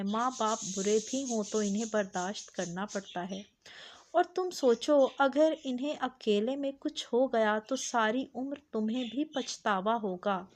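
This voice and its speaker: A woman voicing an older retired army officer who gently counsels his daughter. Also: a little high, a little hiss or hum, natural voice. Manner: calm fatherly persuasion.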